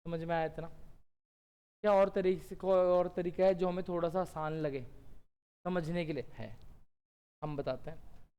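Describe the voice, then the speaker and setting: A man teaching a classroom lecture, asking questions and answering them himself, slowing down on key definitions. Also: on the high side, fairly even intonation, dark tone, clean tone, highs cut off. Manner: drawn-out, slow phrasing on key definitions. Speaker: accountancy teacher.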